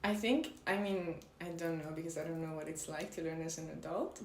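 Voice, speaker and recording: Speaking briskly in a deep voice, a young woman from Hungary, a native Hungarian speaker, giggles through a casual podcast chat as a guest and hesitates with lots of ums. The recording is from a roomy bedroom with some faint background noise.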